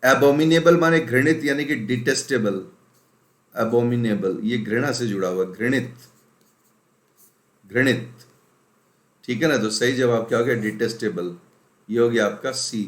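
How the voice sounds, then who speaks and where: A male teacher from India leads an exam-prep vocabulary lesson at a mid-range pitch. He speaks with emphasis and repeats words over and over to drill them. His voice carries a roomy echo. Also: unhurried, long pauses. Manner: mixes in English phrases.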